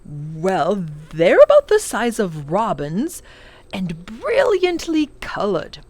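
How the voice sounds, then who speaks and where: A woman gives a full character voice to a kindly, learned elderly male professor in a children's storybook, exclaiming and savouring long words in an excited, playful mood. Her mid-range voice swoops wildly in pitch, moving slowly with a darkish tone, and there's no room sound.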